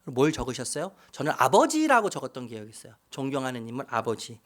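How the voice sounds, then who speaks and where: A pastor preaching a sermon, asking the congregation questions and repeating key words for emphasis. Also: male voice, mid-range voice, wildly swooping pitch, fast talker, fairly bright tone.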